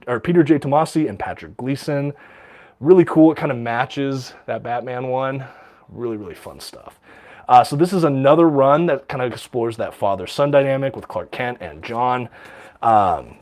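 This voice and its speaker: Casting: man, livestream host, enthusiastic and chatty, slightly stuffy and short of breath. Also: medium pitch. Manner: enthusiastic, many ums and uhs, reads out viewer questions. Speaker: livestream host showing his comic collection. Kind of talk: casual livestream chat.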